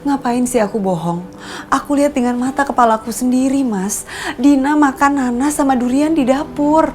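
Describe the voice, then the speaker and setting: An actress playing a patient young wife, earnest and defensive when accused. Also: female voice, high voice, normal speed, darkish tone, lightly acted. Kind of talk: TV soap acting.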